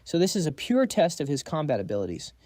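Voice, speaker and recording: A man's voice: a little high, wildly swooping pitch, fast talker, darkish tone, no echo. A man narrating a scripted story recap, dropping quips to the audience.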